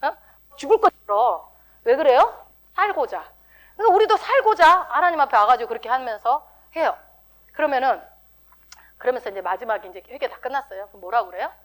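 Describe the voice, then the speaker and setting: A woman pastor giving a lively, teasing sermon and acting out the voices of the people she describes. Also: high voice, brisk. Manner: lively, teasing, acts out quoted speech.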